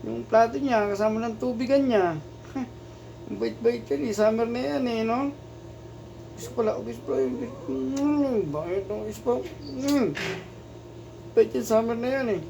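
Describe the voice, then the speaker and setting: Woman cooing at her cat, mellow voice. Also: on the high side. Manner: doting, coaxing baby talk to a cat. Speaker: pet owner filming her cat. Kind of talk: casual talk to a pet. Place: at home indoors. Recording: dull lo-fi home video with faint noise.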